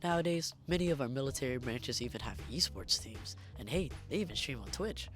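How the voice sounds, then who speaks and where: A man reading a scripted video essay in a hoarse, strained voice that is giving out as he narrates. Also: medium pitch, expressive, brisk. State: hoarse, losing his voice. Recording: music behind the voice. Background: background music.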